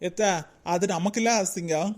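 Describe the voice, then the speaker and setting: A woman voicing a sensible young daughter-in-law with a Kanyakumari Tamil accent, calm and persuasive, in a cartoon. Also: on the low side, normal speed, close to an everyday voice.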